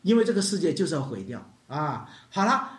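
A preacher delivers a lively sermon, telling scripture stories with a voice that leaps high and drops low. The voices of the people in the stories are acted out, and rhetorical questions keep going out to the congregation. The sound rings around a roomy, echoey hall. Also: fairly quick. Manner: acts out quoted voices with big pitch swings. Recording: echoey room.

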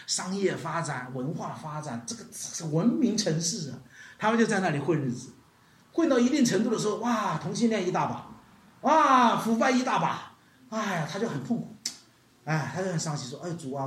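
A preacher giving a sermon, telling scripture stories in an animated way, asking the congregation rhetorical questions and acting out the voices of the people in them. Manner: acts out quoted voices with big pitch swings. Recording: echoey room.

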